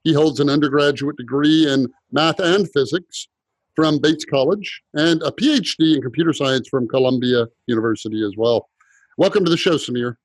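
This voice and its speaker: A man's voice: a little high, normal speed, no echo. A man hosting an interview podcast, asking long, curious questions and thinking aloud as he goes. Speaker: podcast host.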